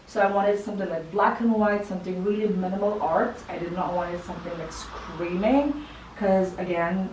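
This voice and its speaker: A Kazakh woman from Kazakhstan, whose first language is Kazakh, narrates a casual tour of her home's living room and bedroom as a vlogger. She sounds chatty and relaxed, mid-pitched, and drops in plenty of "like"s. The mic sits at a distance in an echoey room, with slight background noise.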